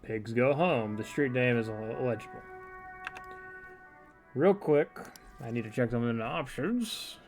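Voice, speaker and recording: A man at an ordinary mid pitch commenting on his game run in a loose, amused way. He reads on-screen text aloud between asides, with faint game music underneath. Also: lively intonation, measured pace, long pauses. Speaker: gamer playing through a game. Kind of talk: casual let's play commentary.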